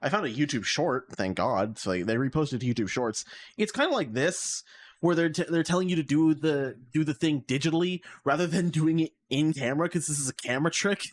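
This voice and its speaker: A man's voice: on the high side, a little fast. A man co-hosting a casual podcast, rambling and exasperated as he rants, with lots of fillers, heard through his mic on an online call. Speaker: podcast co-host. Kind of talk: casual chat.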